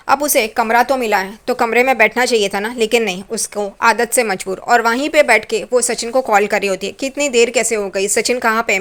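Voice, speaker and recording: A woman's voice: on the high side, a bit bright. A woman casually retelling a story, chatty and adding opinionated asides. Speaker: serial recap narrator.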